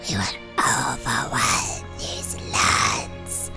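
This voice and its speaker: A woman voicing a sinister undead ghost in a breathy whispered ghost voice while reading out a game. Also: extremely low pitch, lively intonation, drawn-out words, music in the background, pitched below the performer's own voice, full character voice. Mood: menacing. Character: sinister undead oathbreaker ghost, servant of the Dark Lord. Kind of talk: character voice in a game read-aloud.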